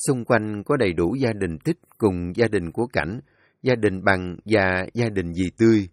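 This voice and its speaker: A man narrating an emotional family story in a slow, expressive storytelling manner. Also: lowish voice, dry recording, studio quality.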